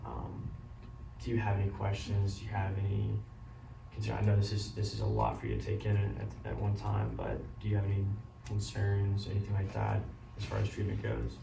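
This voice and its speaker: A man playing a caring doctor who breaks bad news gently, apologetically and haltingly in a role-played consultation. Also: on the low side, gravelly. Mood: gentle, apologetic. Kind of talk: amateur role-play of a medical consultation. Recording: roomy, distant mic, loud background noise.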